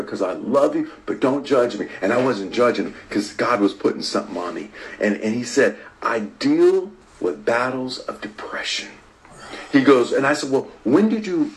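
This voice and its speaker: Emphatic preacher with swelling, hushed delivery. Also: male voice, medium pitch, slight background noise, rough recording. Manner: repetitive and emphatic, rising to stress and dropping to a hush. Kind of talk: sermon. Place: livestream to online viewers.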